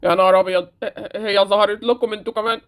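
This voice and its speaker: A woman voicing a nervous male shop owner in a Roblox story drama, with an Egyptian accent, talking in a hurried, confiding way. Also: mid-range voice, steady tone, smooth, pitched below the performer's own voice, close to an everyday voice. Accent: Egyptian Arabic.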